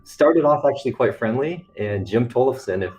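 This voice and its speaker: A man from California, a guest on a video call from his office, speaking in a measured way with many pauses. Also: mid-range voice, animated, darkish tone, a little hiss or hum. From Fresno, California. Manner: measured, many ums and you knows. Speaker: interview guest, hospital president. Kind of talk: casual interview.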